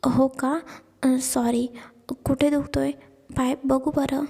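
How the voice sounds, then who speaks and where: A woman's voice: high voice, little pitch movement, slow pace, vocal fry, dark tone, exaggerated voice. A woman voicing a flustered young man who snaps, then apologizes. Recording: long echo, hall-like reverb.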